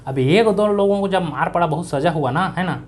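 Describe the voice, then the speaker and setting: A man's voice: high-pitched, moderate pace. A man teaching an exam-prep history lesson in a conversational way. He asks his own questions, answers them, and repeats key words for emphasis, with a Chhattisgarhi-tinged accent. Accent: Chhattisgarhi-tinged Hindi.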